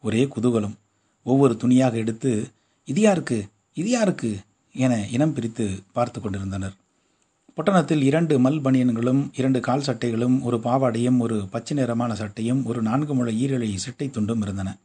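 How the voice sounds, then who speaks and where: A man reads a short story aloud, keeping a steady storytelling pace. His voice is dark and mellow with a husky grain. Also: medium pitch, normal speed. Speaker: narrator.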